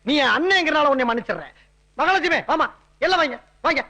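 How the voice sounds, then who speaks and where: An actor playing a swaggering middle-aged politician uncle who talks loudly and bossily in a radio drama. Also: male voice, extremely high pitch, expressive, fast, exaggerated voice. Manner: loud, swaggering, bossy.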